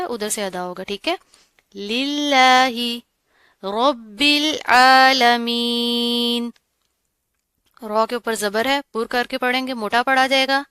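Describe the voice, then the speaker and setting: A woman teaching Quran recitation rules, explaining patiently and often checking in with the learner, with slow, melodic recitation. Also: fairly high pitch, a bit bright, smooth, no echo. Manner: recites verses slowly and melodically. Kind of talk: tajweed lesson.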